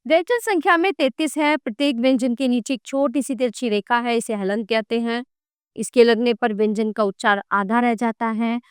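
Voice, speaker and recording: A woman teacher with a fairly high, smooth and resonant voice reads a grammar lesson aloud. She says each sound and example word slowly and separately. The recording is dry and close, with no room echo. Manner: spells out sounds and example words one by one.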